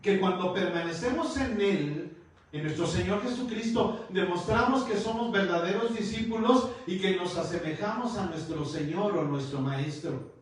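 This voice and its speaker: A man's voice: sits high, moderate pace. A man preaching a sermon as pastor, teaching and calling his listeners brother. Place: church hall. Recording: echoey hall, far from the mic.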